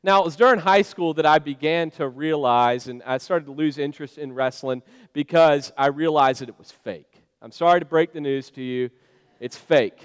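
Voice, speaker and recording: Man, pastor, sermon, conversational storytelling, smooth resonant voice, reverberant sanctuary. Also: fairly high pitch, normal speed. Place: church sanctuary. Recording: long church reverb.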